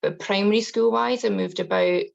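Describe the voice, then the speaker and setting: A woman in her forties with a Highland Scottish accent, telling her own story casually as an interview guest. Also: steady tone, moderate pace, creaky, lo-fi sound. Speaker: podcast guest, confidence coach.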